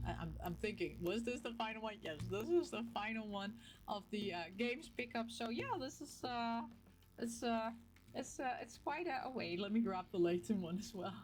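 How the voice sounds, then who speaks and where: A Dutch woman from the Netherlands, a video game vlogger and host, chats casually to camera in a slightly high voice. She tells things in an animated, playfully emphatic way, acting out little quotes.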